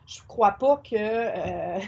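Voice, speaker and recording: Husky Québécoise woman, chatty. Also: medium pitch, slow, warm tone, highs cut off. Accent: Québécois French. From Quebec. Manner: chatty, rambling, enthusiastic, colloquial. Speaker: guest, spiritual content creator. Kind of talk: casual interview chat.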